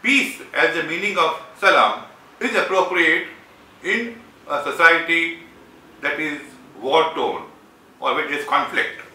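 Slow, bright-voiced man explaining point by point. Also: a little high, distant mic. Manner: measured, explanatory, stresses key words. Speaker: video essayist reviewing a debate. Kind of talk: scripted analytical commentary. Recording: roomy sound from away from the mic.

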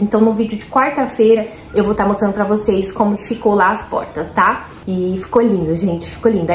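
Brazilian woman vlogging at home, excited chatty talk, echoey room w faint hiss. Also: mid-range voice. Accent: Brazilian Portuguese. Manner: chatty and excited, many fillers, addresses viewers as "gente". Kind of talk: casual chat. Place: at home, roomy indoor space.

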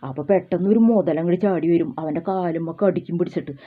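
A woman's voice: lowish voice, fast. A woman, telling a children's folk tale in a homely, repetitive way. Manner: homely, repetitive, with many fillers and restarts. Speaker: storyteller. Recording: tinny phone-like sound.

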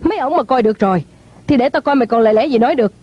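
A woman's voice: a little high, expressive, racing, breathy edge. A woman dubbing a stern older matriarch of a wealthy clan in a TV drama, commanding and scolding. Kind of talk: dubbed TV drama. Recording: dull lo-fi dub with loud music.

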